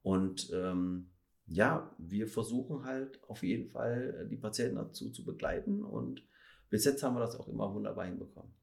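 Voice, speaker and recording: This gravelly, darkish, fairly low male voice belongs to a Ruhr-area dentist in his thirties. Speaking casually on a podcast, he's chatty, stretches his phrases out, and leans heavily on fillers.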